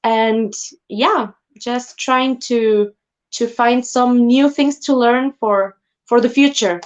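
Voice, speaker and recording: Interview guest: woman from Ecuador, higher voice, earnest and enthusiastic, dull lo-fi call audio. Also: slow pace. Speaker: guest singer. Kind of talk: live stream interview.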